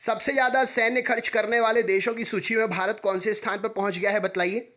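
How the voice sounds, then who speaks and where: A man with a high, light voice reads exam quiz questions one after another, each time in the same brisk pattern. He sounds like a coaching teacher recording a voice-over close to the mic. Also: fairly even intonation, a bit bright. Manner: brisk, repetitive quiz phrasing.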